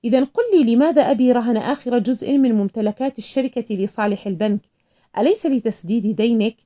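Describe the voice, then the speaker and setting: A woman's voice: on the high side, quick pace, mellow, natural voice. A woman voicing a young heiress who sharply accuses a man of deceiving her father. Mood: accusing.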